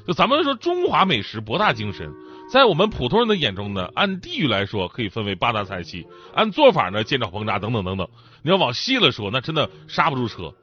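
A talk-show host does a comic stand-up monologue in a mid-range voice that swings hugely in pitch, talking fast with a bright, forceful tone. He's chatty and joking, laughing as he goes, though a mouth ulcer makes his speech thick and swollen-tongued. The lo-fi recording sounds dull, with faint music in the background.

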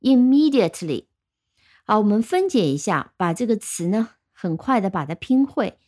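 A patient woman teacher gives a vocabulary lesson, speaking on her English words. She spells words slowly, letter by letter, and explains them step by step. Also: mid-range voice, sing-song, warm tone.

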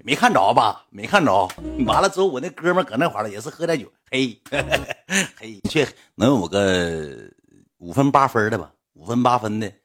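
A man's voice: mid-range voice, moderate pace. A young man with a Northeastern Chinese accent telling a story in casual spoken style, acting out the people in it. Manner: animated, acts out voices of people in the story.

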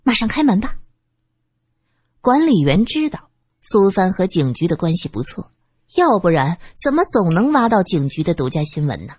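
A woman narrating a serialized story in an expressive, lively manner. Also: on the low side, moderate pace, husky, no echo.

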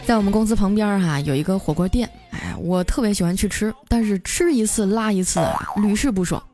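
A woman radio host, telling funny office stories in a lively, chatty way and laughing at her own punchlines. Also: medium pitch, fairly quick, soft background music. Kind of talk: comic storytelling.

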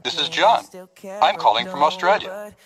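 A man reading the part of a caller phoning from a conference abroad, in a scripted textbook dialogue with clear diction. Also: fairly high pitch, lively intonation, normal speed, natural voice. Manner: apologetic, clearly enunciated lines. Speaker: dialogue actor in a listening exercise. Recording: audio clip with music behind.

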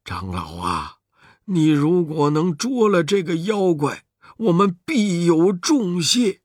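A man's voice: fairly high pitch, big pitch swings, no echo, clean studio sound, exaggerated voice. A man voicing a timid but proud old village elder who sighs and drags out his exclamations. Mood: pleading. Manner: sighing, drawn-out exclamations. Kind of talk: children's storybook narration.

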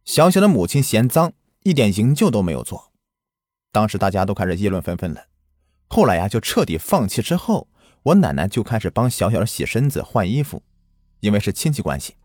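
A man's voice: on the low side, sing-song, fairly quick, a little mellow, no echo, studio quality. A man narrating a first-person ghost story in an earnest manner, recounting a village memory from his childhood.

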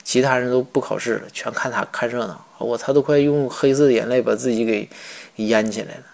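A man's voice: mid-range voice, fairly even intonation, gravelly, darkish tone, lightly acted. A man playing a tipsy, rambling emperor. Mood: tipsy storytelling. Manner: rambling, repetitive, halting.

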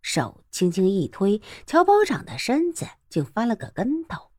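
A woman narrating a storybook novel in a lively, expressive way. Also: medium pitch, a little slow, dry recording, clean studio sound. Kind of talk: audiobook storytelling.

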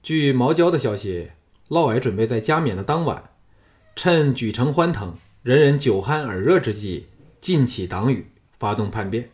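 A man voicing a young, proud and scheming king who is uneasy before his general, speaking in a raised, forceful voice in an audiobook. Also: mid-range voice, lively intonation, normal speed, lightly acted.

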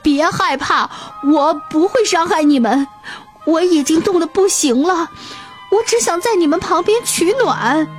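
A woman voicing a gentle talking bear from a storybook, reassuring and pleading for warmth. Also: extremely high pitch, unhurried, faint music behind, pitched above the performer's own voice. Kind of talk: storybook character reading.

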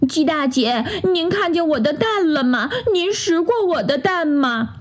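Lady doing a silly mama duck, high chirpy voice, kinda breathy, bouncy. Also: lively intonation, measured pace. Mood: pleading. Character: scatterbrained fretful mother duck.

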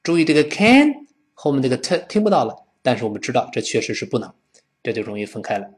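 A middle-aged man teaching English pronunciation, stretching out the English words slowly for students to repeat. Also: medium pitch, very animated. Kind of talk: pronunciation lesson.

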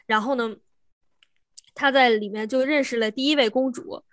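High-voiced woman retelling a fairy tale. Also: steady tone, moderate pace, fairly bright tone, dry recording, studio quality. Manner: meandering, self-correcting, laughs often. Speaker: podcast co-host. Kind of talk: casual storytelling chat.

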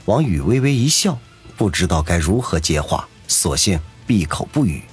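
A man narrating a serialized novel with expressive storytelling. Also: deep voice, normal speed, breathy edge, faint music behind. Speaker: audiobook narrator.

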